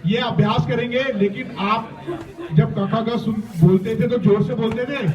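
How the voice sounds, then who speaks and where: A man's voice: extremely high pitch, steady tone, measured pace, a little mellow. A man giving an emphatic motivational talk at a school, getting the students to repeat his lines after him. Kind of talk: motivational talk with call-and-response. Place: school gathering with many students. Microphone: handheld or stage mic. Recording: echoey, distant, dull sound with crowd.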